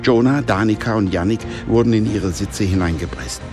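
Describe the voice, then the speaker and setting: A man narrating a children's adventure audiobook in a calm, measured storytelling voice. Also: on the low side, over music. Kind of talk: scripted narration.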